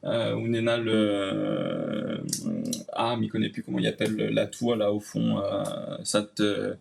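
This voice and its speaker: This Réunionese man talks as a guest in a relaxed interview, speaking French with a local accent, creole-flavored phrasing, and lots of hesitant "euh" sounds. His voice is lowish, creaky, and darkish but expressive and unhurried, with a little hiss or hum in the recording.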